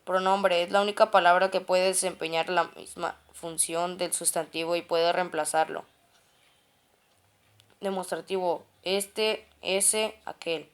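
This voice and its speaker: Woman, clear smooth voice, reads grammar notes aloud term by term, stumbles and restarts often. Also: fairly low pitch, fairly even intonation, a little slow. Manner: reads a list of terms and definitions, with frequent restarts on words.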